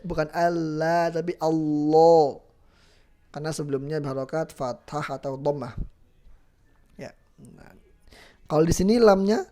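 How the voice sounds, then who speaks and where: A Quran recitation teacher with a mid-range, darkish voice gives a tajwid lesson. He patiently explains the letters, slowly repeats each sound, and chants drawn-out recited examples.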